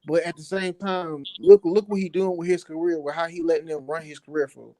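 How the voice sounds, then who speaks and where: High-pitched man arguing. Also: steady tone, brisk, dark tone, dry recording. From New Orleans, United States. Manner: defensive, slangy, repeats phrases emphatically. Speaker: guest debater on a boxing talk show. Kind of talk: heated casual sports debate.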